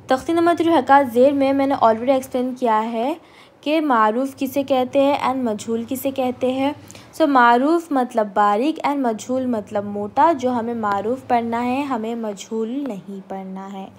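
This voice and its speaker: A woman teaching an online Quran recitation lesson. She explains pronunciation with English words mixed in, then drills syllables slowly and clearly. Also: on the high side. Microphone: video call or home recording.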